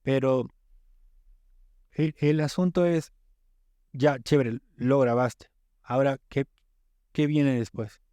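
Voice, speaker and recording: A man's voice: medium pitch, steady tone, slow pace, pauses often, warm tone, no echo. A man from the Ecuadorian coast, a music producer talking as a podcast guest in an emphatic, explanatory way, often repeating words as he starts. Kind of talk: casual podcast chat.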